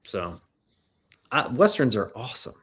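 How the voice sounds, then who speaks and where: A man in a casual chat, musing and rambling with lively enthusiasm. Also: medium pitch, a little slow, slightly rough. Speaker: guest.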